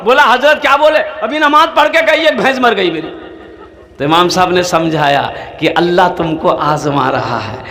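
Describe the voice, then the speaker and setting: Man, preacher, very high voice, echoey hall, storytelling sermon. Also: expressive, normal speed, pushed and bright. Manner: storytelling with village dialect voices and repetition. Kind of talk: humorous Islamic sermon with acted anecdotes.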